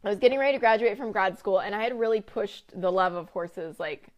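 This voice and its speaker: A woman's voice: mid-range voice, a little fast. Chatty woman live-streaming from home. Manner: chatty, many fillers and restarts, talks to live viewers. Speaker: business coach and host. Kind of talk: casual live-stream talk. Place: home room with window blinds. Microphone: webcam or phone live-stream.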